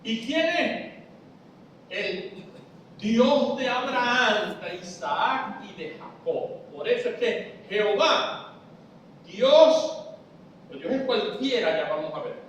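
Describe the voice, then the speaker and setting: High-voiced preacher teaching, echoey hall. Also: male voice, animated, takes it slowly, pauses often, a bit bright, distant mic, a little hiss or hum. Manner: explains step by step, asks the audience if they follow. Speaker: preacher teaching a Bible study. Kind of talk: church Bible study lesson. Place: church hall. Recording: echoey church hall, voice from afar.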